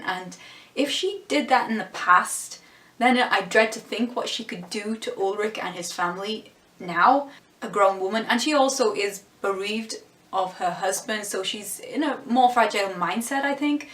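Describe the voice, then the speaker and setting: Reviewing a TV show in a casual vlog, this woman thinks aloud with frequent restarts and small laughs, noting she's losing her voice. Her medium-pitched, somewhat bright delivery is expressive and at normal speed, recorded in a roomy space.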